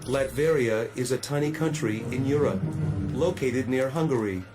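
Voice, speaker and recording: A polite android superhero from a video game , acted by a man. He delivers learned explanations precisely and calmly at middle pitch over clear music. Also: moderate pace, close to an everyday voice. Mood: composed. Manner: formal, precise, composed.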